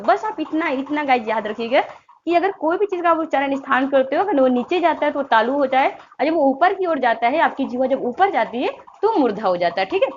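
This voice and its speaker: A high-pitched woman teaches Hindi grammar for competitive exams, repeatedly asking her students questions and answering them herself in a call-and-response pattern. She stretches out vowel sounds to show how they're formed. The highs are cut off, with slight background noise.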